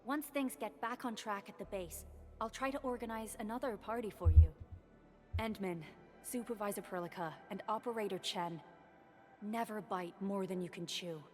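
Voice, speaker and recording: A woman's voice: mid-range voice, moderate pace, warm tone, soft background music, lightly acted. A woman voicing a grateful, caring base director in a video game, speaking earnestly and formally. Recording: long hall reverb.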